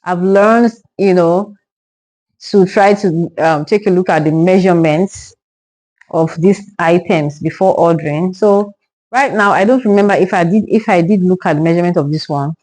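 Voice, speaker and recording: A woman's voice: lowish voice, moderate pace, a little mellow, poor audio. A young woman from Nigeria reviewing a haul to camera in casual talk, exasperated and stumbling over repeated words when upset. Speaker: vlogger.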